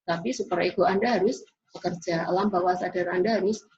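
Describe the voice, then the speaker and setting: A woman's voice: lowish voice, steady tone, fast, a little mellow. Woman lecturing in a dull lo-fi recording. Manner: explanatory, repeats "ya" often. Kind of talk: classroom lecture.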